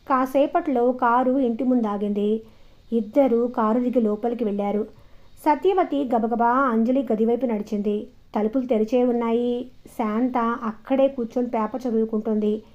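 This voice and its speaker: A woman storyteller reading a short story aloud in a calm, measured way, in a dull, lo-fi recording. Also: on the high side. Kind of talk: audiobook story narration. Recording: dull lo-fi audio.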